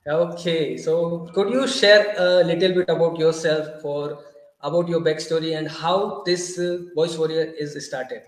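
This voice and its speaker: A man's voice: fairly high pitch, fairly even intonation, measured pace, roomy sound, poor audio. A man hosting an online interview show, speaking in earnest, grateful English with many restarts.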